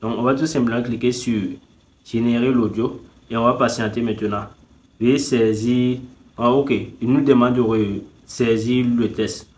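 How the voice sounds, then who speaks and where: A man at a middle pitch gives a relaxed, chatty walkthrough of a website. He narrates each click as he goes and keeps falling back on the same filler phrase. Now and then he turns to his viewers with playful nudges. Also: moderate pace. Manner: repeats "tout simplement" constantly; talks straight to viewers, teasing them to subscribe. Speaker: YouTube tutorial host. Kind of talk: casual screen-recording tutorial.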